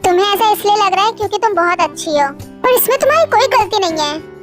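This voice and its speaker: A young woman plays an affectionate, reassuring young man, voiced very high. Soft music plays underneath the storybook. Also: expressive, quick pace. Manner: warm, reassuring. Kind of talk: storybook voice acting. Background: faint background music.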